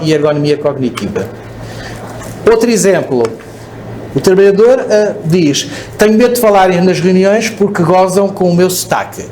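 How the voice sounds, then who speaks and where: In a conference hall, a man with a European Portuguese accent gives a presentation, explaining step by step, restarting himself, and frequently checking in with "ok?". His voice is a little high and a little mellow, with a slight hiss or hum on the recording.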